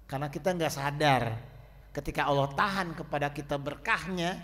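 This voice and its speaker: Male Friday preacher, fairly high voice, rhythmic rhyming delivery with loud-soft swings, recorded in a reverberant mosque. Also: normal speed. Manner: rhythmic rhyming oratory with sharp swings in loudness. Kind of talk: sermon. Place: mosque hall. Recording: echoey mosque hall sound.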